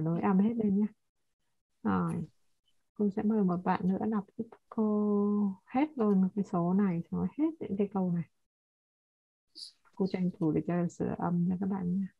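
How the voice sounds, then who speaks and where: Brief: woman language teacher, patient explainer, thin phone-like audio. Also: mid-range voice. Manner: explains patiently, repeats and corrects pronunciation. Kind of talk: online class teaching.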